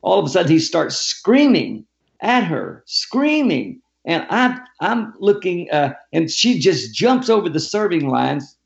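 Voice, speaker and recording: A man's voice: sits high, measured pace, vocal fry, lo-fi sound. An older man, a guest author, telling a story in an interview and acting out the people in it. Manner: animated storyteller who acts out quotes.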